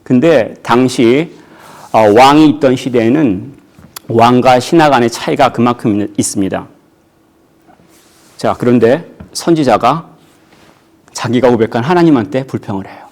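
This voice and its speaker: Male pastor, mid-range voice, preaches in church with rhetorical questions and sudden loud jumps. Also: medium pitch, moderate pace, pauses often. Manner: rhetorical questions, voice jumping up when acting out quotes. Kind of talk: sermon.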